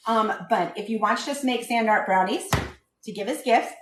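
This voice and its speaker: A woman's voice: on the high side, normal speed, echoey room, far from the mic, background noise. A woman hosting a live cooking stream from her kitchen, chatting casually and rambling from one tangent to the next. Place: home kitchen.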